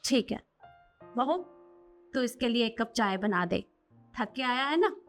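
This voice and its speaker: A sharp, very high-voiced mother scolds and lectures her grown son in a family drama, played by a woman. Her tone is bright and piercing, and she is fiercely protective of her daughter-in-law. Faint music plays behind her. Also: animated, normal speed, exaggerated voice. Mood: calm. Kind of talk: short family drama acting.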